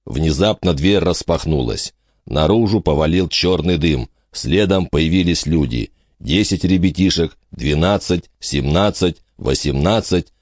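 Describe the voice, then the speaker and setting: A man narrating an audiobook in a dramatic, measured reading style. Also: sits low, dry recording, studio quality. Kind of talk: scripted narration.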